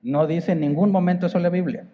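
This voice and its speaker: A man's voice: high-pitched, steady tone, fast, in a large hall, lo-fi sound. A man with a northern Mexican accent preaching a sermon as pastor, conversational, asking the congregation rhetorical questions. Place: church hall.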